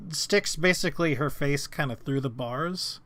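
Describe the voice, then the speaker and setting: A man narrating a tabletop game as game master, with a halting, pausing delivery. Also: fairly high pitch, pushed and bright.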